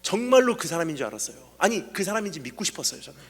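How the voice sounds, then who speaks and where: A man's voice: fairly high pitch, big pitch swings, racing, husky. A fervent male preacher, ringing church reverb. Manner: acts out quoted voices, swings from hushed to shouting. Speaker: missionary preacher. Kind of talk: revival sermon. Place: church sanctuary.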